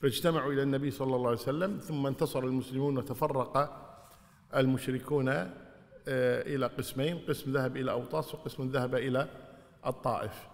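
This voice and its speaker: A man's voice: mid-range voice, fairly even intonation, fast talker, creaky. A man teaching a religious lesson, explaining and retelling the narrators' words in an informal way. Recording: hall with long reverb.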